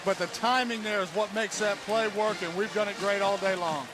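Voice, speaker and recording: A man's voice: sits high, steady tone, normal speed. A man working as a radio color commentator, analyzing football plays as a partisan of the home side. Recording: clear stadium noise behind broadcast voice. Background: stadium ambience.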